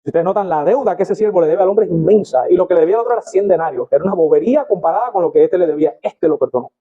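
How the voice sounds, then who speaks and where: A man preaching a sermon in Spanish as a pastor, reading scripture aloud with expressive rises and falls and addressing the congregation as brothers. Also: high voice, very fast, husky, narrow, tinny audio.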